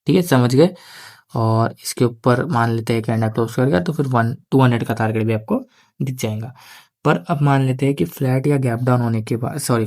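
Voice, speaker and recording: A stock market analyst with a mid-range, darkish voice casually talks viewers through his trading plan for the next day, frequently tossing in "theek hai." A sore throat makes him speak slowly.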